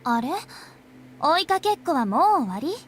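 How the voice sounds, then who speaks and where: Arcueid, a teasing high vampire girl. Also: sing-song, fast, a little hiss or hum. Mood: playful. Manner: carefree, teasing. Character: cheerful playful young vampire woman. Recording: game audio with music behind.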